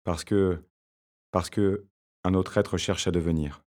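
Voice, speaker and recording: A man voicing a wry academic husband in an audiobook, narrating in an ironic, measured way. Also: deep voice, steady tone, darkish tone.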